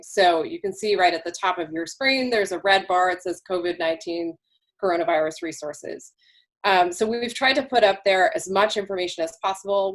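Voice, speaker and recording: A woman council member giving an informal, wandering report over a video call, her voice worn from a long day. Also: on the low side. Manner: informal, wandering, many restarts. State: losing her voice.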